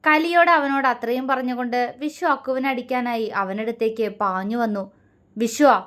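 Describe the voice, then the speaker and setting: A woman's voice: fairly high pitch, steady tone, a little fast, fairly bright tone. A woman narrating a serialized romance story and voicing the characters' dialogue herself.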